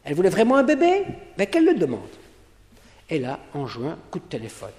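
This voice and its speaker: A man, a priest, giving a sermon in lively storytelling style, acting out both sides of his conversations. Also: a little high, fairly quick. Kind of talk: sermon with anecdotes. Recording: long hall reverb.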